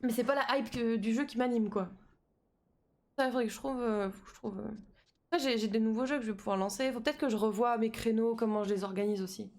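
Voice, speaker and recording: A woman's voice: a little high, fairly even intonation, quick pace, darkish tone. A young woman chatting casually with her live-stream audience while she plays, full of slang and fillers.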